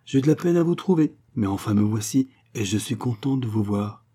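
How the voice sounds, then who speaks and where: A man's voice: medium pitch, brisk, slightly rough. A man reading an audiobook, voicing a cheerful, talkative young former clerk. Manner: lively and wordy.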